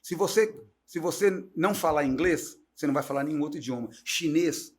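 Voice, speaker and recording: A middle-aged man, a guest teacher, talking in an animated, chatty storytelling way on a talk show. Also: fairly high pitch, fairly quick. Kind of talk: casual talk-show conversation.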